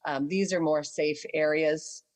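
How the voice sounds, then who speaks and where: A woman, a dog trainer, explaining calmly and patiently in a casual chat, with filler ums. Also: deep voice, measured pace, poor audio. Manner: patient, instructive, with acted dog voices.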